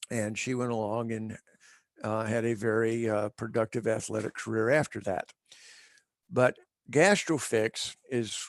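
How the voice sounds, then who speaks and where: Middle-aged guy vet doing a webinar, kinda gravelly, lots of uhs, pretty dry sound. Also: medium pitch, dry recording. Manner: measured, with frequent fillers and restarts. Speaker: equine veterinarian presenter. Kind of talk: educational webinar talk.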